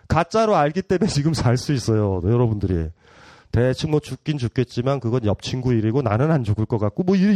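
A man's voice: on the high side, dark tone, no echo. A middle-aged man giving a public philosophy lecture, playful and provocative, often laughing and teasing his audience.

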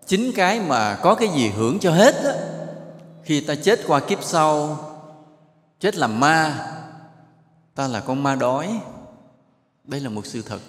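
A man, a monk giving a sermon to a live audience, telling stories and putting questions to the crowd. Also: medium pitch. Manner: storytelling, asks the audience questions and jokes with them. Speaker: monk giving a dharma talk. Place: large hall with an audience. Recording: echoey hall with long reverb.

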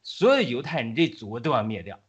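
A man's voice: mid-range voice, sing-song, quick pace, slightly rough, dull audio, voice pushed down. A man quoting a proud, scheming court minister who speaks arrogantly and gloats.

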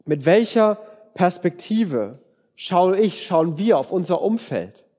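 Man, preacher, high voice, earnest, direct sermon, long hall echo. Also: lively intonation, slow, dark tone. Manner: earnest, direct, talks straight to listeners. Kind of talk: conversational sermon.

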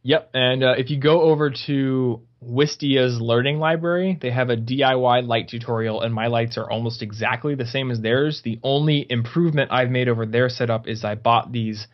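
A man's voice: mid-range voice, moderate pace, hardly any pauses. A man speaking as a podcast guest, chatty and explaining things step by step with many fillers. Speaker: guest, YouTuber. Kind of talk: casual podcast interview. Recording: dull, slightly lo-fi sound.

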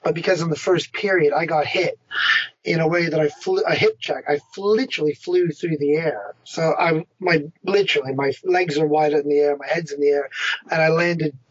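A man's voice: fairly high pitch, fairly even intonation, moderate pace, slightly rough, no echo. A middle-aged man, a hockey player and coach, answering interview questions in a rambling, self-mocking way. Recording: dry, dull lo-fi sound.

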